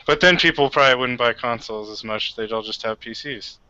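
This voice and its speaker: A man's voice: mid-range voice, brisk, pushed and bright, smooth, dry recording. A man chatting casually on a podcast in a musing, hesitant way. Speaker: podcast co-host. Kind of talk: casual chat. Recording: dry dull lo-fi sound.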